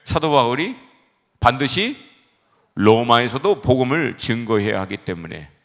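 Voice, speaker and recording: A man who is a pastor, preaching a Friday-service sermon in animated storytelling style, acting out the quotes in his stories. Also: mid-range voice, moderate pace, in a large hall. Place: church sanctuary.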